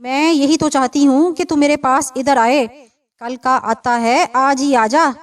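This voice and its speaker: A woman's voice: high-pitched, steady tone, a little slow. A woman voicing an insistent young woman who speaks in a loving, coaxing way.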